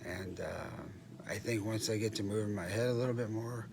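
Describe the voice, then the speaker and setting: A middle-aged man talks casually and haltingly about himself in a subdued way, often clearing his throat, as a patient giving an update from a hospital room. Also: fairly low pitch. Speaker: patient recording a post-surgery update. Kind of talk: casual vlog monologue. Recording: clearly noisy room ambience.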